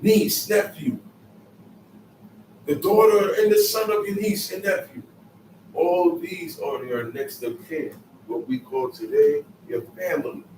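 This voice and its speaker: A man's voice: high voice, a little slow, a little mellow, a little hiss or hum. A man giving a Sabbath scripture lesson, emphatic and repetitive, in casual street phrasing. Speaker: Bible teacher. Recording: echoey room, mic far off, faint ambience.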